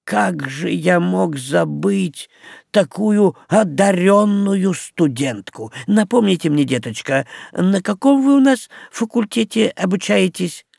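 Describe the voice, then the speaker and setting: A man's voice: sits high, animated, takes it slowly, gravelly, a little mellow, no echo, studio quality, pitched above the performer's own voice, full character voice. A man voicing a pompous, forgetful old male ghost professor in an audiobook. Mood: fussy. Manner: pompous, lecturing.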